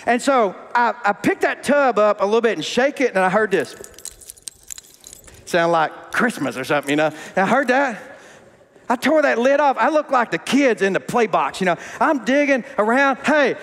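A man preaching a sermon, telling a folksy story with lots of animation and the occasional shout. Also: very high voice, animated, moderate pace, in a large hall. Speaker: pastor. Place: church sanctuary.

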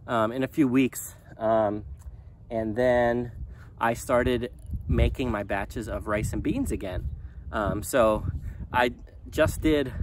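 A man in his thirties talking casually to a handheld phone outdoors in his chicken run, relaxed and rambling with many ums. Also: mid-range voice, slight background noise. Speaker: small farm vlogger. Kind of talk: casual vlog talk to camera. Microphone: phone at arm's length.

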